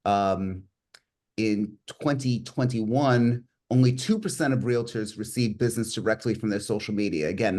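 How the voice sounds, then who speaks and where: A middle-aged man hosts an online group meeting over a video call, reading out statistics and joking with participants. His lowish, darkish voice rambles, and he often restarts his sentences.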